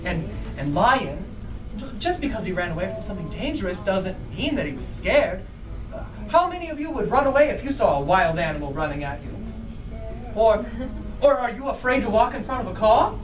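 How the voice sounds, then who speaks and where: A woman playing a friendly, excitable Scarecrow who tells a story live to children and puts questions to the listeners. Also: mid-range voice, a little fast, natural voice. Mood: earnest, reassuring. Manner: animated, asks the listeners questions. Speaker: costumed storyteller. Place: bookstore live event. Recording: distant mic, music behind.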